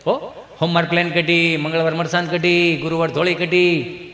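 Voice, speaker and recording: Guy doing stand-up stories, highish bright voice, big echoey hall. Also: moderate pace. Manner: folksy, animated, voices the characters in his jokes. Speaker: stage comedian. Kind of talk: stage comedy storytelling. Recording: echoey hall with faint noise.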